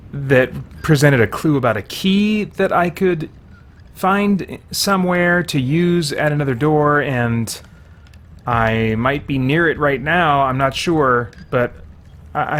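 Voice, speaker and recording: A man with a mid-range voice reviews a video game casually, thinking out loud in informal language and letting out mild exclamations. There's slight background noise.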